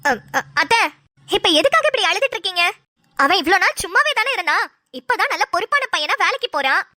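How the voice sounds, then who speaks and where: Cartoon role: high, lively, mocking daughter-in-law, played by a woman. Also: fast talker, no echo, studio quality, full character voice. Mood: chiding. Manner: sarcastic, mocking. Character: sarcastic daughter-in-law, sharp-tongued. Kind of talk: cartoon voice acting.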